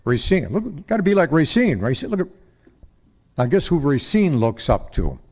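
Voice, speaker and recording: A man's voice: a little high, big pitch swings, normal speed, a little mellow. An older man giving a rambling, folksy public comment at a council meeting lectern. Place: council chamber at a lectern mic.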